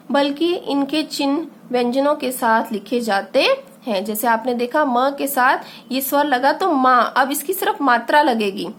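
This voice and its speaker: A woman's voice: high voice, fairly bright tone. A woman teaching a children's grammar lesson, asking questions and answering them herself. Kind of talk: grade-three Hindi grammar lesson.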